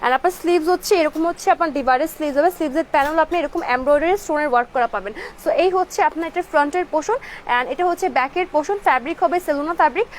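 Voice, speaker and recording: Give me a brisk woman from Bangladesh pitching clothes on a live stream, her high voice going fast and mixed with English words. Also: a little hiss or hum. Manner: brisk, mixes English words into her talk, repeats codes and prices. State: fasting, throat a little dry. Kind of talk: live sales presentation.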